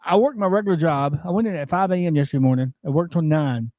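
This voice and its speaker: A man with a slightly raised pitch co-hosts a casual sports talk show. He jokes, laughs a lot and rambles through his stories. The sound is dry and close to the mic. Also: quick pace, no echo, muffled recording. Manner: joking, laughs often, rambling. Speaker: co-host.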